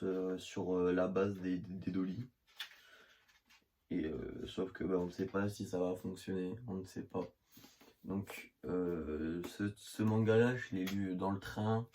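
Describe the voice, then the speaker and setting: A man's voice: sits low, a little mellow. A young man from the north of France with a northern French accent, chatting casually about his manga collection, rambling with lots of fillers and slang. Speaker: manga vlogger. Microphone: phone camera. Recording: phone recording with faint hiss.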